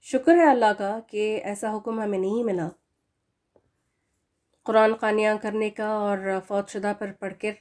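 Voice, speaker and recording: A woman teaching a recorded Quran recitation lesson who slows down to model correct and wrong pronunciations, with earnest, admonishing asides. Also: mid-range voice, fairly even intonation, darkish tone. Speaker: tajweed teacher.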